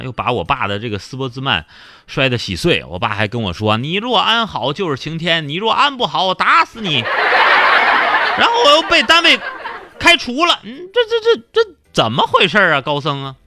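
A man voicing a hapless young man who pleads in a rushed, whiny way. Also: a little high, huge pitch swings, bright, forceful tone, dry recording, full character voice. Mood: pleading.

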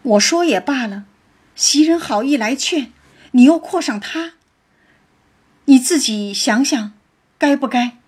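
A woman voicing an indulgent young nobleman who coaxes and gently scolds, with a breathy voice. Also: sits high, animated, unhurried, long pauses, voice pushed up, exaggerated voice. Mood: coaxing.

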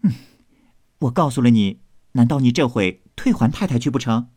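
A man reading aloud voices a proud, sharp-tongued young maidservant who speaks with sarcasm and indignation, in a storybook reading. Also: mid-range voice, lively intonation, moderate pace, breathy edge, dry recording. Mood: sharp retort.

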